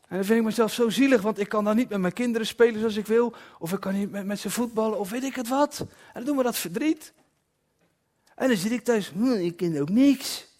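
A man preaching a sermon in a personal, confessional way, dropping to soft asides at times. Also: high-pitched, a little fast.

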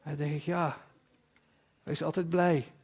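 A man preaching a sermon in a personal, confessional way, dropping to soft asides at times. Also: a little high, little pitch movement, unhurried, slightly rough.

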